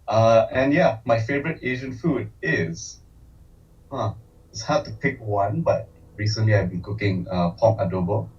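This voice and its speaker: A man from Malaysia, a game designer, introducing himself with halting restarts. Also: sits low, darkish tone. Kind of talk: casual panel self-introduction. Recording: distant, dull lo-fi call audio.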